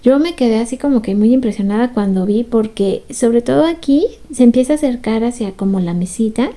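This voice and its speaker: A woman's voice: on the high side, a little fast, dark tone. A woman, casually recapping a show in a chatty, sympathetic way. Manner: chatty, sympathetic, often laughing. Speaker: fan recap commentator.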